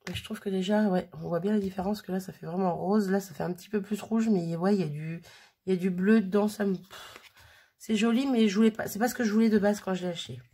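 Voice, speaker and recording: While doing a hands-on craft demo, a woman vlogger chats casually, packing her talk with fillers and little "hop" sounds as she works. Her voice is mid-range, fast, dark and husky.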